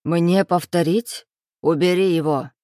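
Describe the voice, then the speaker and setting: A woman reading a storybook, voicing a cold, menacing man who purrs low and then barks orders. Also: fairly even intonation, measured pace, darkish tone, no room sound, studio quality. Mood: barking. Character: cold, menacing man, a powerful boss's right hand.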